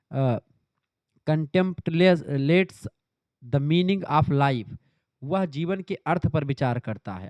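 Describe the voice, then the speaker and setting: A man's voice: on the high side, dry recording. Male teacher, dry lo-fi sound. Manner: reads questions slowly, then explains in quick Hindi; repetitive, addresses students directly. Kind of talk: exam-prep lecture.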